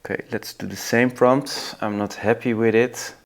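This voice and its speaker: A middle-aged man with a Dutch accent casually walking through software on screen, thinking aloud. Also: medium pitch, normal speed. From Netherlands. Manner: relaxed, thinking aloud, laughs at results. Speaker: video host. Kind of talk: casual screen-recording tutorial.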